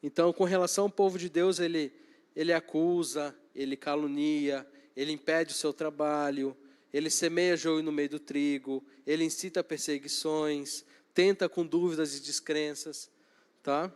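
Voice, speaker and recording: A man's voice: fairly high pitch, steady tone, moderate pace, smooth. A man with a Brazilian accent leading a Bible study in a church, talking conversationally and joking lightly. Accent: Brazilian Portuguese. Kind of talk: informal Bible teaching. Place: church hall.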